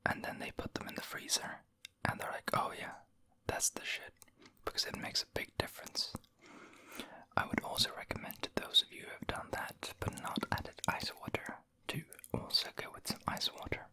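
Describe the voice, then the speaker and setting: A person whispering an ASMR food review in a breathy, unvoiced voice, savoring and unhurried, close to the microphone. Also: sharp tone. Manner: savoring, unhurried, with eating and mouth sounds. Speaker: ASMR video creator and host.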